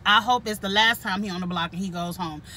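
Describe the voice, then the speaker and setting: A woman's voice: medium pitch, quick pace, pushed and bright, slight background noise. A woman hosting her own channel, giving a casual, blunt and profane commentary straight to her viewers, laughing often. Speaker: channel host reviewing a reality show.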